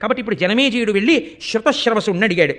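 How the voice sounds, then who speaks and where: High-voiced man giving a scripture discourse. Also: racing. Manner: animated storytelling, chanting Sanskrit verses; swings between loud emphasis and hushed asides. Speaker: spiritual discourse speaker.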